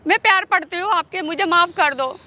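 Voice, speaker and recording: A woman's voice: very high voice, brisk, sharp tone. An actress playing a frightened maid who pleads with her employer to let her go. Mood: begging. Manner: pleading, repeats "no, master". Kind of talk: Hindi short-film acting.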